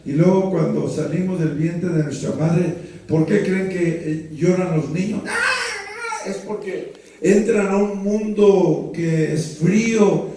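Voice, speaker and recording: A middle-aged pastor with a fairly high voice preaches a fervent sermon. He moves between Spanish and English and punctuates his points with amens. His voice rings through an echoing church hall, picked up from a distance. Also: slow, dark tone, a little hiss or hum.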